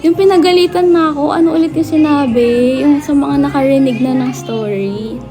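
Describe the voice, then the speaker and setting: A young woman from the Philippines hosting a live stream, telling a story casually to her chat and acting out family members' shouting. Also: sits high, normal speed, music in the background. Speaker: livestream host.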